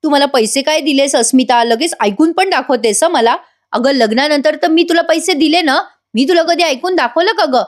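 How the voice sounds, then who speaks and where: A woman's voice: sits high, normal speed, pitched above the performer's own voice, close to an everyday voice. A woman reading a taunting, selfish young husband. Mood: accusing. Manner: taunting, accusing.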